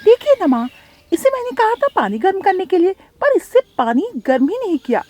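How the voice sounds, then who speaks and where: A woman's voice: sing-song, moderate pace, a little mellow. A woman voicing a spoiled young female cartoon bird who whines and accuses her stepsister. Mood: whiny accusing. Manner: whiny, accusing, shrill.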